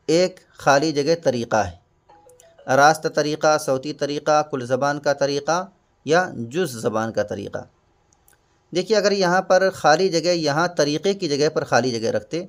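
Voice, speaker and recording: A man teaching exam prep, going through each question patiently and glossing every term with a simpler word. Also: a little high. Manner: patient, repeats and glosses terms.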